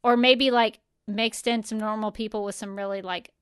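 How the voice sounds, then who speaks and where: This woman's voice is medium-pitched, smooth and steady, at a normal speed, captured at studio quality with no room sound. Co-hosting a podcast, she chats casually and emphatically and frequently acts out what someone might say.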